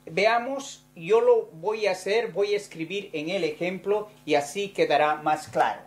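A woman teaching a recorded grammar lesson, saying each verb form slowly and carefully. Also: medium pitch. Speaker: Spanish teacher.

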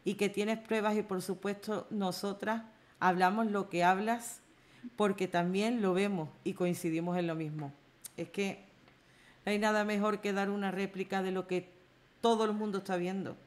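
A woman runs a casual live stream and reads viewers' comments. She talks in a lively, teasing way and breaks into exclamations and laughs. Her voice sits at an ordinary middle pitch. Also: moderate pace.

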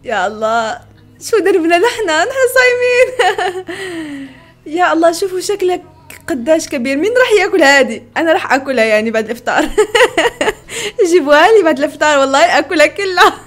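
A woman's voice: very high-pitched, very animated, fast talker, pauses often. A young woman, reacting to food videos in a casual vlog, giggling often and exclaiming playfully.

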